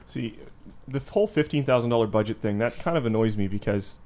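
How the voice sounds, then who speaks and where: A young man in a casual movie chat, talking quickly with hesitant restarts. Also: medium pitch, darkish tone.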